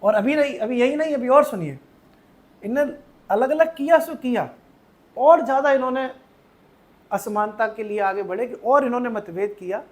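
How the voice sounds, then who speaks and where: A man with a very high voice teaches online exam preparation at normal speed, leaving long pauses. His style is playful and story-driven, full of memory tricks and checks on whether students follow, moving between loud emphasis and quiet asides.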